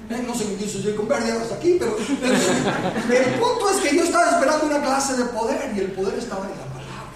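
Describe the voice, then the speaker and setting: Male pastor, high-pitched, lively storytelling sermon, picked up from afar in a reverberant hall. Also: fairly quick, hardly any pauses, crowd noise. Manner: animated storytelling that builds to shouting. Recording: echoey hall recorded from far off.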